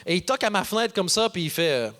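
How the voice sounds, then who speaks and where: A Canadian man doing stand-up, telling a story and acting out the people in it with quick voice changes. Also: sits high. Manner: animated, acts out characters with voices. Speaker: stand-up comedian. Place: theater stage before an audience.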